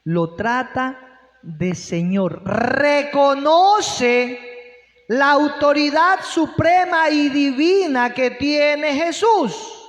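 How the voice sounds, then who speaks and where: A man's voice: very high voice, very slow, a bit bright. A male pastor preaching a sermon, posing rhetorical questions and breaking in with exclamations of praise. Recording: long hall reverb.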